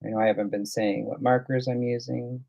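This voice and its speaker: A man's voice: mid-range voice, flat delivery, a little fast, vocal fry, mellow, lo-fi sound. A man hosting a casual live coloring demo, chatting and thinking aloud as he works. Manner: chatty, thinks aloud while working, reads out viewer comments. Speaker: livestream host.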